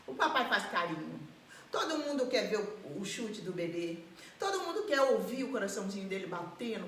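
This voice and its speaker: A woman preaching a live sermon in an animated way, acting out the voices of people she describes. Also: mid-range voice, a little hiss or hum. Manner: animated, acts out quoted voices and laughs. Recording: echoey room.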